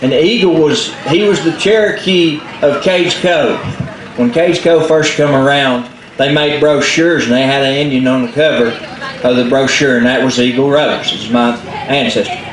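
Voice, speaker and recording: A man with a Southern Appalachian accent telling folk tales in a casual, unscripted, folksy way with dramatic pauses. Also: mid-range voice. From southern Appalachia, United States. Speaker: storyteller. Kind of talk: casual oral folk storytelling. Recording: echoey room with background noise.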